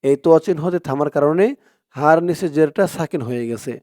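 A man teaching Quran reading, stretching out syllables slowly and then explaining rules in quick asides, with a Bangladeshi Bengali accent. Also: fairly high pitch, a little mellow, dry recording, studio quality. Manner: slow drawn-out recitation alternating with quick explanations. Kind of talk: Quran recitation lesson.

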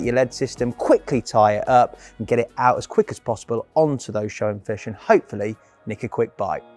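A young man walks through new gear with a lively, salesy, colloquial delivery. His voice sits at an ordinary pitch for a man. Faint music plays softly behind him in a large indoor hall. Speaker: product presenter. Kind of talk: walk-through product presentation. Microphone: lapel mic.

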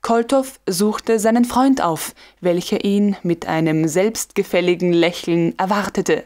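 A woman reading a classic novel aloud as an audiobook narrator, with even, measured storytelling. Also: on the low side. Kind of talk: scripted narration.

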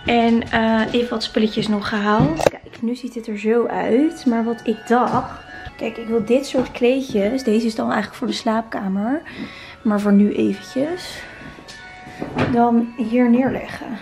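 A woman's voice: a little high, fairly even intonation, unhurried, music in the background, poor audio. A young woman in her twenties chatting in a casual vlog, filming herself handheld in an empty new apartment. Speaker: vlogger. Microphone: handheld camera close to the face.

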